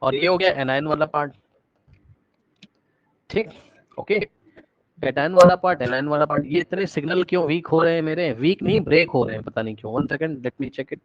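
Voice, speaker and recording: A male teacher giving a live online class lecture, energetic, repeating words rapidly to prod his students and coaxing them with questions. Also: a little high, no echo. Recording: dull, dry online-class audio.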